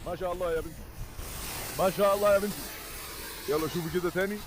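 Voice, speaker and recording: A man's voice: high-pitched, fairly even intonation, racing, background noise. A man with an Egyptian Arabic accent making a casual vlog outdoors at the seashore, eagerly and affectionately calling out to his dogs on a handheld microphone.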